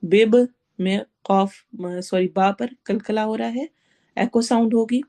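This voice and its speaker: A woman teaching Quran recitation, reciting each phrase slowly and then explaining each sound, with English words mixed into her teaching. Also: mid-range voice, fairly even intonation, dark tone. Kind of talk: tafsir and tajweed lesson.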